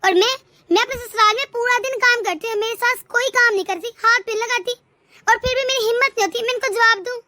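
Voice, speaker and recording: A woman's voice: very high voice, fast, pushed and bright. Woman voicing a spoiled, taunting cartoon daughter. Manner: taunting, whiny. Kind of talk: cartoon voice acting.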